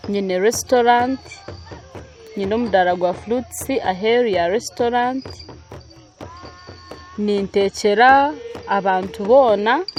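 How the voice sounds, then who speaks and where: A woman talks in a lively way about her restaurant. Her voice sits at a middle pitch, and faint music plays under the interview. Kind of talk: documentary interview.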